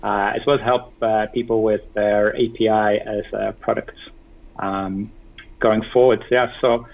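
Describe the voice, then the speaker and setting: A man from England with a softened Birmingham accent, a guest explaining things in casual chat on a video call, hesitant with many ums and restarts. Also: lowish voice, flat delivery, unhurried, gravelly. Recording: tinny phone-like line.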